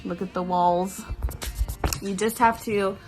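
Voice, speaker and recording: Slow, flat-toned reassuring woman. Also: mid-range voice, music in the background. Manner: calm, reassuring. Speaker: relative giving parenting advice. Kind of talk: casual heartfelt message.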